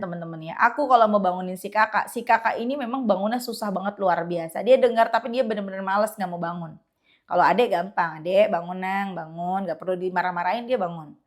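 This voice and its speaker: A young woman giving a casual, animated religious pep talk to her viewers. She often slips into quiet quoted prayers. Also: medium pitch. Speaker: religious content creator.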